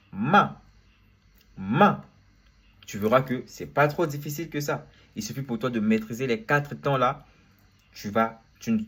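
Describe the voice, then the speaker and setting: A man giving an informal lesson, speaking directly to the viewer, repeating points over and over and mixing in short English phrases. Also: lowish voice. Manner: repetitive, addresses viewer as tu, demonstrates tones aloud. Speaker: Chinese language teacher.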